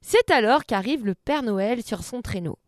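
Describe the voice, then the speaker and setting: A woman's voice: a little high, expressive, unhurried, no echo, clean studio sound. A woman hosting a comic radio show, telling a story in a playful, mock-earnest way.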